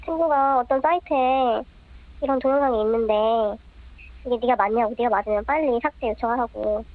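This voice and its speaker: Anonymous female interviewee, altered higher-pitched voice, hesitant, narrow muffled line. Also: brisk, no echo. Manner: short, hesitant answers. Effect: voice electronically altered for anonymity. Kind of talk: subdued interview answers.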